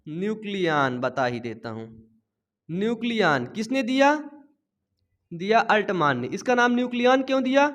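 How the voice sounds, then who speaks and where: A young man teaches biology with lots of energy, throwing out questions and answering them himself. His voice sits very high for a man. He motivates his students and drops in playful everyday examples. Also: highs cut off. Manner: lively, keeps asking and answering his own questions. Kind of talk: energetic classroom lecture.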